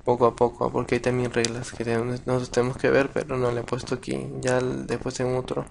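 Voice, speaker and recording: A man teaching a casual video lesson, patient and halting, with many restarts and repeated words. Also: mid-range voice, completely flat delivery, vocal fry, a little mellow, a little hiss or hum. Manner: patient, addresses viewers directly. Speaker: language teacher.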